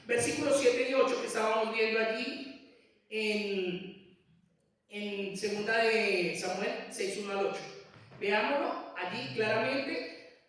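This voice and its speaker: A man's voice: high-pitched, slow pace, a bit bright. A man preaching a sermon to his congregation as pastor, emphatic and addressing listeners directly. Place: church. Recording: echoey church from far off.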